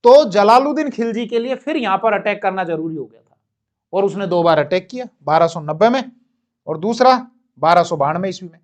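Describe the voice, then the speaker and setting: A man teaching a history lesson in a classroom style. He explains as he goes, with asides and quick self-corrections, and speaks. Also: high-pitched, lively intonation.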